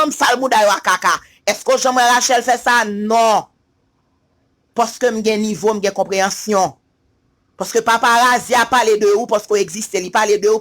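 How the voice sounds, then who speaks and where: A Haitian-accented man holds forth in an emphatic, repetitive online rant. His voice sits very high and sounds bright and sharp. Now and then he chants his points in a sing-song way. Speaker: social media commentator. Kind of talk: opinion rant to camera.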